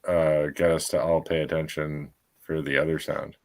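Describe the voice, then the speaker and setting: Deep-voiced man joking in a group call. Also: flat delivery, normal speed, vocal fry. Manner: joking, laughs often. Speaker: livestream co-host. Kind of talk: casual group chat on a livestream.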